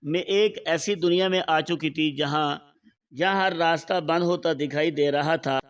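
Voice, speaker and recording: A man narrating a scripted first-person story in a steady, measured reading voice. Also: on the high side, smooth. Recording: voice slightly far from the mic.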